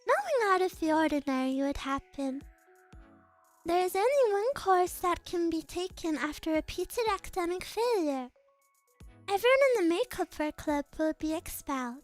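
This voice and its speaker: A woman voicing a refined, grave schoolgirl leader in a game story, formal and measured. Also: very high voice, very animated, soft background music, voice pushed down. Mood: cool, measured. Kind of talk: visual novel game dialogue read aloud.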